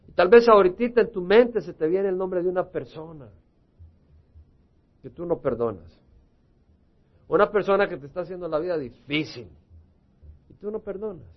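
A man preaching a sermon with a fairly high-pitched voice. He surges into loud, emphatic lines and then falls back to a hushed, prayerful tone. The recording sounds dull and lo-fi. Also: animated, moderate pace, pauses often. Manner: preaches with rising emphatic bursts, then drops to soft prayerful tones. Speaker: pastor.

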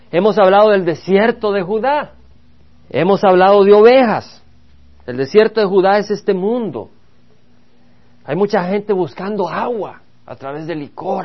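Spanish-speaking pastor preaching, muffled recording. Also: male voice, high-pitched. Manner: preaching with rising emphasis, reading scripture aloud. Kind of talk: Bible study sermon.

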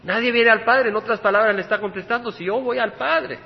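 A male pastor preaching a sermon, asking his listeners rhetorical questions and moving between loud emphasis and hushed passages. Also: sits high, brisk, gravelly. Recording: dull lo-fi recording with long hall reverb.

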